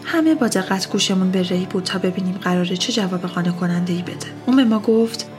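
A woman narrating eerie stories in a soft, hushed voice. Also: mid-range voice, soft background music. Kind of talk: storytelling narration.

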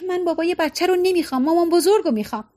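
A woman's voice: high-pitched, darkish tone, close to an everyday voice. A woman voicing a frightened, irritable young woman in labor, whining and snapping. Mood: whiny. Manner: irritable, whiny.

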